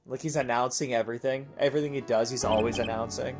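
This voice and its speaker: A woman's voice: very deep voice, steady tone, fast. A woman giving casual commentary as she plays through a video game. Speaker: game streamer. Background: game music.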